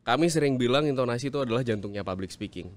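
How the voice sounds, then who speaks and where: Fast, animated man. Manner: animated, swings pitch widely for emphasis. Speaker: public speaking guest speaker. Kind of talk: casual interview chat.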